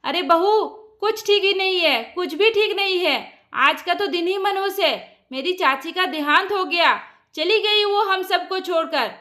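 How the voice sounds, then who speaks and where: A woman voicing a loud, dramatic middle-aged mother-in-law who wails and scolds. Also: very high voice, measured pace, heavily acted. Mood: grieving. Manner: wailing, scolding, self-pitying.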